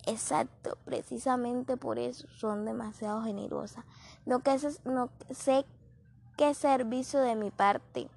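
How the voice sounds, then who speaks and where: A woman's voice: a little high, fairly even intonation, a little slow, gravelly, darkish tone, a little hiss or hum. A woman voicing a bold young woman who questions everything in a read-aloud story. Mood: challenging.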